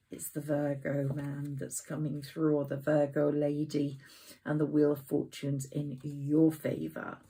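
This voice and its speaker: Female tarot reader, slow even delivery, gushing and sentimental. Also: low voice, gravelly, low-quality recording. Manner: effusive, rambling, sentimental. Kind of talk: tarot card reading to camera.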